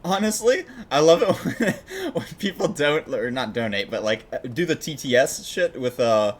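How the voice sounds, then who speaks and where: A man's voice: mid-range voice, lively intonation, normal speed. A man chatting casually on his game stream, joking and laughing often. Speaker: livestreaming speedrunner.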